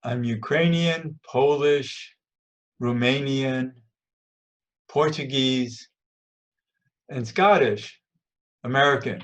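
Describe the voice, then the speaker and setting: A man giving a measured, explanatory scripted personal statement. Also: mid-range voice.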